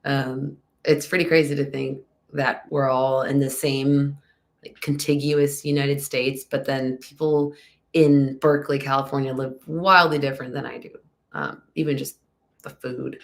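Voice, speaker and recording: A young woman with a low, gravelly voice answers fan questions live, rambling between ums. She is congested and has a slight lisp. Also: flat delivery, unhurried. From Texas. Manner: chatty, rambling, many ums. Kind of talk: casual live Q&A chat.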